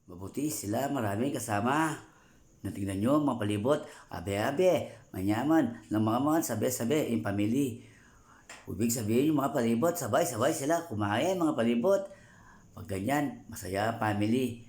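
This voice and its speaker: A man's voice: mid-range voice, animated, normal speed, a little mellow, reverberant. A man hosting a casual food vlog from a night market, joking and laughing as he eats and talks to viewers. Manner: playful, laughing, jokey. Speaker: food vlogger.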